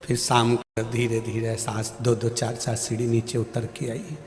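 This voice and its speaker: A man with a Malwa Hindi accent preaching a devotional sermon, voicing the people in his stories and moving between soft asides and loud calls. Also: mid-range voice, completely flat delivery, unhurried, long reverb tail, faint music behind. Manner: voices quoted characters, swings from soft to loud. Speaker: preacher telling a scripture story.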